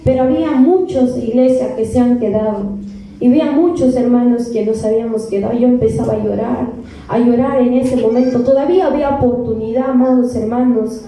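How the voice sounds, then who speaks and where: Woman, Peruvian accent, earnest church testimony, dark mellow voice, heard from afar in a very echoey hall. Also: on the high side, fairly even intonation, a little fast, distant mic, slight background noise. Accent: Peruvian Spanish. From Peru. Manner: earnest, repeats words, addresses listeners as beloved brethren. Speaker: church member giving testimony. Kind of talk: tearful testimony to a congregation.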